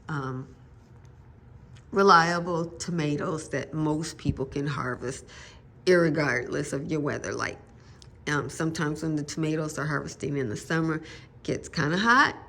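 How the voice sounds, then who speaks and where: Chatty older woman with a low voice. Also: creaky, slight background noise. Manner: chatty, folksy, with religious asides. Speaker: gardening vlogger. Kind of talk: casual chat.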